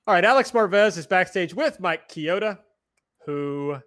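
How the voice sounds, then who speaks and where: A man's voice: sits high, lively intonation, moderate pace, a bit bright. A man hosting a podcast in casual chat, recapping a show with sarcastic jokes. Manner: sarcastic, joking. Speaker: podcast host.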